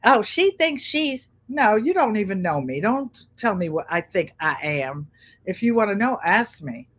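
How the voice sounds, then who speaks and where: A middle-aged Connecticut woman with a matching accent hosts a quilting channel, chatting frankly and rambling as she sews. Her mid-range voice is very animated yet measured in pace, and she addresses viewers by name during this chatty livestream.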